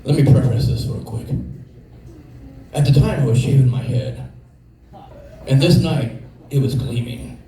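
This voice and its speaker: A man's voice: mid-range voice, unhurried, long pauses, mellow, slight background noise. Profane man telling a story, very echoey. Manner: profane, exasperated rant. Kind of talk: comedic storytelling. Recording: very echoey room, mic far off.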